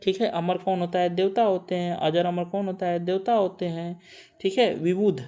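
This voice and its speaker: A man's voice: sits high, little pitch movement, moderate pace, warm tone, clean tone. A male exam coaching teacher drilling synonyms through repetition, coaxing students to close their eyes and recite. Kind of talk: memorization lesson.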